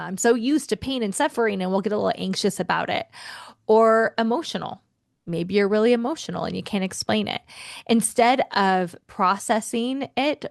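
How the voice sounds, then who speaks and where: A woman hosting a self-help podcast, talking in a chatty, expressive way and addressing listeners as friends. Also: mid-range voice, gravelly, no room sound, clean studio sound. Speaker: podcast host and life coach.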